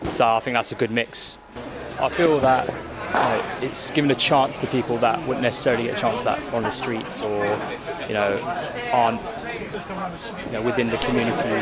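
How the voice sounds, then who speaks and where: Guy chatting easy about cricket, flat voice, loud crowd noise behind him. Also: mid-range voice. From South East London. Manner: fluent, relaxed, filler "obviously". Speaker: club cricketer.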